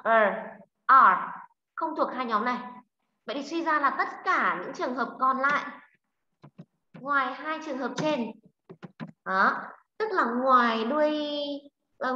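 A woman's voice: high voice, sharp tone. A woman teacher explaining a lesson patiently, step by step, and checking often that the class understands. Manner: checks understanding with frequent tag questions. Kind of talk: online English lesson for a class. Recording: roomy, slightly dull sound.

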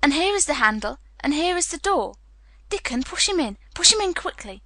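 Woman doing a hushed, solemn little girl. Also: high voice, expressive, brisk, no echo. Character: solemn, delighted young girl guide.

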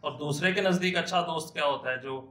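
A man's voice: on the high side, fast talker, bright, forceful tone. A middle-aged man, lecturing a class as a professor, explaining with everyday examples, asking rhetorical questions and slipping in English terms. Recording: echoey room.

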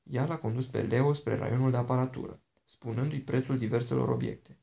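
Guy narrating an audiobook, gravelly voice, steady storytelling. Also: mid-range voice. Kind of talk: scripted narration.

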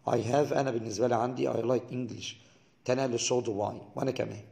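Young Egyptian male teacher, patient and repetitive, gravelly tone, long reverb behind. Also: medium pitch, steady tone, dark tone. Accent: Egyptian Arabic. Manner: explains slowly, repeats English words to drill pronunciation. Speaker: English teacher. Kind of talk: recorded English lesson.

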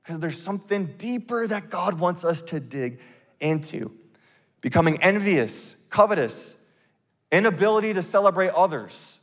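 Speaking from a church stage in a large hall, a pastor in his thirties delivers a sermon through a handheld microphone. He sounds high-pitched and animated, earnest yet conversational, often rushing ahead in bursts and starting over.

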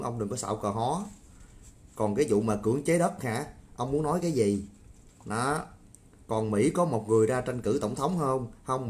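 Guy ranting on a stream, crude and mocking, kinda high but dark mellow tone. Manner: crude, mocking, swears often, asks viewers for agreement. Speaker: political commentator. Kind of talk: livestream rant.

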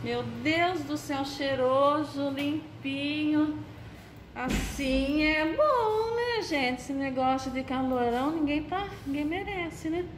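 A woman's voice: high voice, slow, a little hiss or hum. A woman vlogging as she walks through a large restaurant, filming with a handheld phone and talking chattily and enthusiastically to her viewers. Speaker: travel and food vlogger. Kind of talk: casual vlog walkthrough. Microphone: handheld phone camera.

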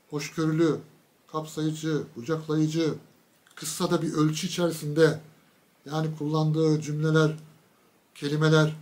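A man giving a casual political commentary monologue, mocking and sarcastic, talking straight to his viewers with emphatic lists. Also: on the high side.

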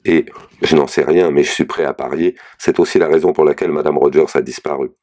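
A man's voice: a bass voice, fairly even intonation, fairly quick, mellow. A man reading aloud, voicing a middle-aged lawyer who speaks bluntly and plainly about a hard case. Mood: grim, frank.

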